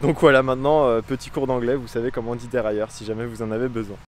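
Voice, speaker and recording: A young man, a cycling travel vlogger, chats casually to camera outdoors about his bike trip. His mid-range voice is quick with little pitch movement, and he rambles hesitantly with lots of fillers over slight background noise.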